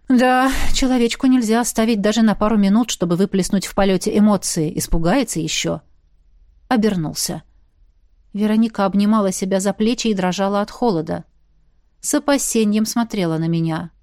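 A woman narrating an audiobook in the first person, dropping to a lower, quieter voice for inner thoughts. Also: dry recording, clean studio sound.

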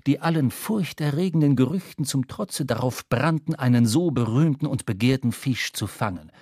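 A man narrating a literary sea story in a measured, storytelling delivery, recorded in a studio. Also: medium pitch, animated, a little mellow, slightly rough, no room sound. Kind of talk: scripted literary reading.

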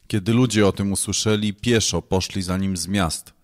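A man reading scripture aloud in a measured, solemn way. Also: low-pitched, fairly even intonation. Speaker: scripture reader.

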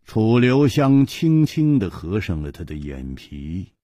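A man narrating in traditional Chinese storytelling style, expressive and swinging between loud and hushed. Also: on the low side, slow pace, no echo, clean studio sound.

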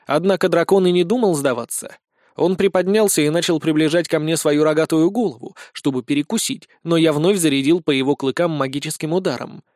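A man narrating a comic fantasy audiobook with lively, brisk storytelling. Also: on the high side, dry recording, clean studio sound.

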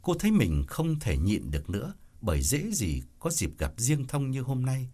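A man narrating an audiobook story in an expressive storytelling manner. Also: medium pitch, normal speed.

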